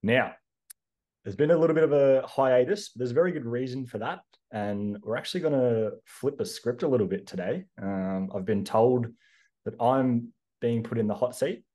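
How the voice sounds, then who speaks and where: At normal speed and medium pitch, this young Australian strength coach, a regular on podcasts, chats in a relaxed, easygoing way. His talk is loose and casual, full of frequent ums.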